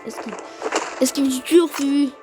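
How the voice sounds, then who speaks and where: A woman's voice: high-pitched, unhurried, music in the background. A woman hosting a gaming video, giving casual gameplay commentary and reacting aloud to the play with exclamations.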